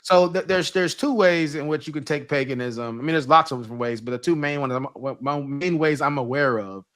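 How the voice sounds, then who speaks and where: A man co-hosting a casual commentary panel, explaining points earnestly with halting restarts. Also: a little high, fairly bright tone, clean tone.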